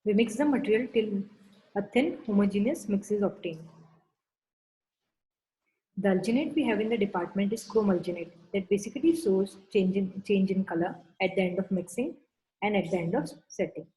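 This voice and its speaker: A woman's voice: mid-range voice, moderate pace, dark tone, rough recording. A woman lecturing on dental materials, going through classifications step by step in a methodical, instructional way. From India.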